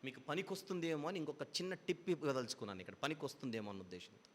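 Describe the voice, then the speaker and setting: A man's voice: on the high side, rapid-fire, fairly bright tone, in a large hall. A man preaching a Bible teaching sermon, explaining patiently with repeated parallel phrases.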